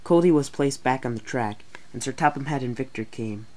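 A man's voice: medium pitch, a little fast, a little mellow. A young man narrating a homemade toy-train story in a plain, casual way.

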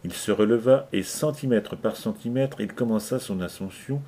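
Husky low-voiced male reader. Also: moderate pace, dark tone. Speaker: audiobook reader. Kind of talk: scripted narration.

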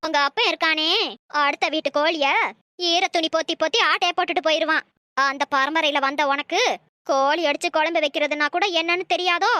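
A woman's voice: high voice, fairly even intonation, fairly quick, bright, forceful tone, no echo, clean studio sound. A woman voicing a bossy old mother-in-law in a cartoon, scolding and threatening.

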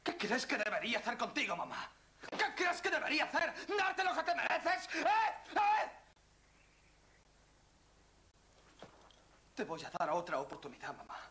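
An unhinged young man in a dubbed TV thriller. He taunts and insists with childish bitterness, his pitch swinging widely from soft to loud. The old soundtrack has clear noise. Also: huge pitch swings, a little fast, exaggerated voice. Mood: menacing taunting. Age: young adult. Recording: noisy old TV film soundtrack.

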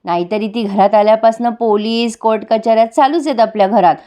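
A woman's voice: a little high, fairly quick, warm tone, natural voice. A woman voicing a snide, resentful young woman, in a serial recap.

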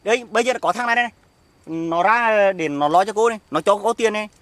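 A middle-aged man with a Northern Vietnamese accent playing a jealous, hard-drinking husband who shouts sarcastic accusations outdoors in an orchard, in an amateur skit. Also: high-pitched, fast talker, dry recording. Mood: taunting.

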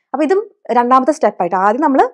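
Malayali woman teaching english, slightly high voice, patient, asks lots of questions. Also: big pitch swings, rapid-fire, a bit bright. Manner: explains patiently with many rhetorical questions.

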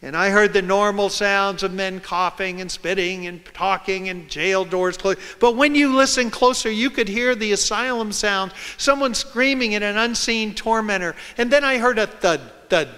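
A man's voice: sits high, sharp tone, clean tone. A man, a reporter, telling stories to an audience in a dramatic lecture style. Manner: dramatic, acts out scenes and quotes. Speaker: reporter giving a public talk. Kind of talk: storytelling lecture. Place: large lecture hall. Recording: reverberant hall.

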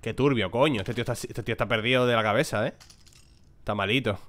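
A man's voice: medium pitch, fast talker, fairly bright tone. A man, giving casual let's-play commentary on a horror game, chatting to his viewers and swearing freely. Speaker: gaming YouTuber.

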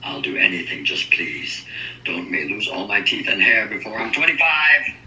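A man's voice: fairly low pitch, sing-song, moderate pace, pushed and bright, a little hiss or hum, full character voice. A synthetic man's voice playing a vain, touchy young female pop star who talks back indignantly, played back over a speaker. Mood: desperate. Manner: indignant, defensive. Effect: synthetic text-to-speech voice. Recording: echoey speaker playback, faint music.

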